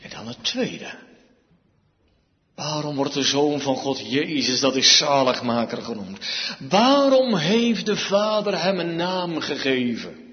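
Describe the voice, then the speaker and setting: A man preaching a sermon, slow and emphatic, his voice swinging widely in pitch and loudness. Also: sing-song. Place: church. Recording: dull sound with long reverb, church hall.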